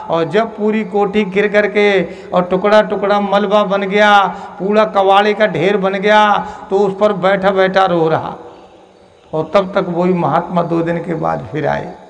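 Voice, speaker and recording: A male preacher with a high, gravelly voice, delivering a devotional sermon at an ashram gathering. He repeats key phrases and slows right down to chant verses. His delivery moves between storytelling and exhortation.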